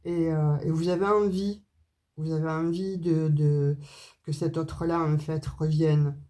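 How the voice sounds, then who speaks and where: A woman's voice: low-pitched, fairly even intonation, a little slow, warm tone. A woman with a southern French accent giving a chatty card reading to her viewers, with plenty of hesitations and asides. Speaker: astrology and tarot reader. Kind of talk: casual spoken card reading to camera.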